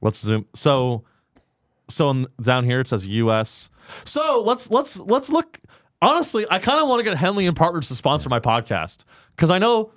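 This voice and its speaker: A man hosting a podcast, joking crudely and sarcastically in casual chat, often jumping into a high mocking pitch. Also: wildly swooping pitch, normal speed, a bit bright, no room sound, studio quality. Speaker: podcast host.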